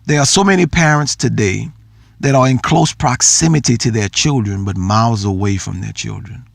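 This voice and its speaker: A man's voice: medium pitch, normal speed, creaky, no echo, clean studio sound. A middle-aged man telling a personal story in an earnest talk, repeating phrases for emphasis. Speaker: speaker.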